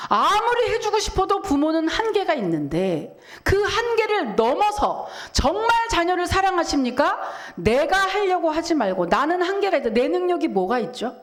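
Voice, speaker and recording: A middle-aged woman pastor preaching a sermon, telling a story vividly and asking the congregation rhetorical questions. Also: sits high.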